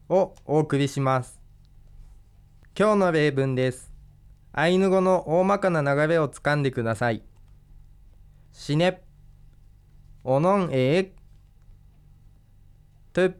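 A man teaching a language lesson, explaining grammar and example sentences slowly and carefully. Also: fairly high pitch, smooth. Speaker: language instructor.

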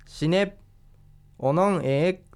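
A man teaching a language lesson, explaining grammar and example sentences slowly and carefully. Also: fairly high pitch, a little mellow, clean tone. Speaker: language instructor.

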